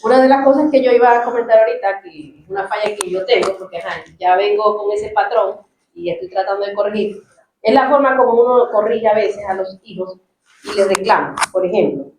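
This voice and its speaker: A woman's voice: mid-range voice, a little fast, a little mellow, echoey room, low-quality recording. A woman speaking earnestly at a church about correcting children, explaining with many fillers. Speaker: church couple guest. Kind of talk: church parenting talk.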